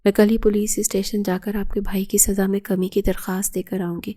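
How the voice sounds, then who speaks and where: An outspoken young woman defends her sister, voiced by a woman reading the novel. The tone is mellow and the pitch stays even. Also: natural voice. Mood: earnest.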